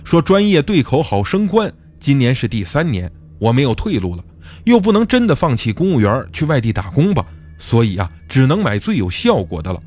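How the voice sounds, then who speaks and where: A man's voice: mid-range voice, sing-song, fairly quick, darkish tone. A man voicing a desperate young male student under family pressure, pleading and worn out, in an audiobook.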